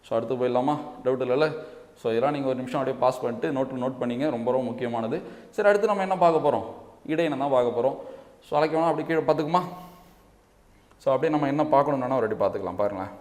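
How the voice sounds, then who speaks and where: A man with a Tamil Nadu accent teaching an exam-prep grammar lesson. He explains step by step, often checks that students follow, and sounds out letters slowly for them to repeat. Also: mid-range voice, darkish tone. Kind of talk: classroom-style lesson. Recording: echoey room with long reverb.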